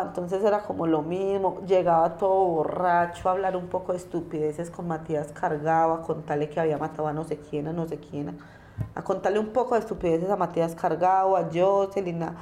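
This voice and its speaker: A woman's voice: fairly low pitch, darkish tone. A young woman telling her own life story in a plain, conversational way, often repeating herself. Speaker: interviewee. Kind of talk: personal testimony.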